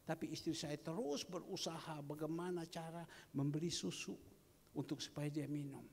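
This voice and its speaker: A middle-aged man from Indonesia preaches from the pulpit, his voice set a little high and gravelly. He swings between hushed whispers and loud, pressing peaks of emphasis, with a husky edge throughout. The sound carries a long reverb from a church hall. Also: moderate pace. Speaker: pastor. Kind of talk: sermon.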